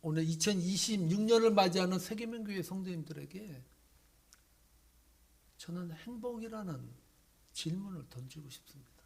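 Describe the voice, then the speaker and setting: A man pastor delivers a sermon with dramatic storytelling, swinging between loud bursts and breathy whispers. His voice sits high for a man. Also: moderate pace, long pauses.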